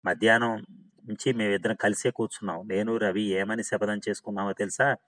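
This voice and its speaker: A man's voice: fairly low pitch, steady tone, fairly quick, a bit bright, lightly acted. A man reading a bubbly chatty young woman. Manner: eager, bubbly, talkative. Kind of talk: audiobook dialogue reading.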